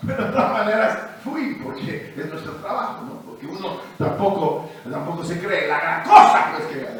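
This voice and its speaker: A male pastor preaching and telling stories, going from quiet asides to shouted declarations, with a Peruvian Spanish accent. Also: sits high, very animated, moderate pace. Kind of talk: sermon with testimony. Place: church hall. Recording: echoey church hall, distant mic.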